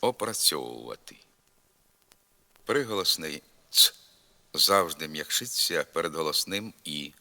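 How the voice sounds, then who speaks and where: Slow, deep-voiced man teaching pronunciation. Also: big pitch swings, bright, forceful tone. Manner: slow, precise enunciation of word lists. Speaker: pronunciation instructor. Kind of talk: scripted pronunciation lesson. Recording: reverberant 1990s vinyl record.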